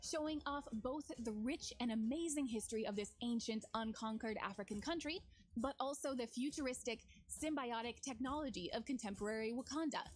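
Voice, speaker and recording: With music under her voice, a game developer gives scripted promo narration introducing new features. She speaks at a fairly high pitch and a fairly quick pace.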